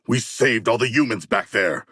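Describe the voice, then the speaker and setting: An actor playing a proud, earnest shark demigod in a video game, speaking in formal, stately, grandiose phrases. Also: male voice, fairly low pitch, expressive, normal speed, a bit bright, slightly rough, no echo, studio quality. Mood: calm, earnest. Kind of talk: video game character voice lines.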